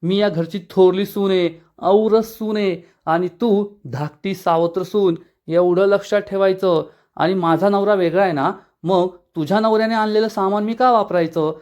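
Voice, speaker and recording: A man's voice: sits high, steady tone, normal speed, darkish tone, lightly acted. A man voicing a proud, quarrelsome elder daughter-in-law who talks back indignantly. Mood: defiant. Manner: defiant, indignant.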